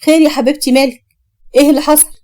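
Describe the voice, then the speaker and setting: A woman's voice: sits high, fairly even intonation, very fast, warm tone, lightly acted. A woman with an Egyptian accent voicing a young man, a brother who speaks firmly and with regret. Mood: concerned. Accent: Egyptian Arabic. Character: firm young Egyptian brother, doubting and stern.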